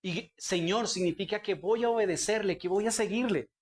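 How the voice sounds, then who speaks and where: High-voiced young preacher. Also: male voice, moderate pace. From Colombia. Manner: preaching with direct questions to the congregation. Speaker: pastor. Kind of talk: sermon.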